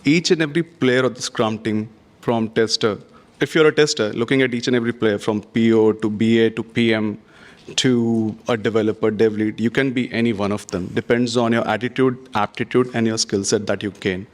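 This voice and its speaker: A man's voice: fairly low pitch, steady tone, fairly quick. A man speaking on a conference panel, giving earnest, advice-heavy answers with frequent "you know" and "having said that". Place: conference stage.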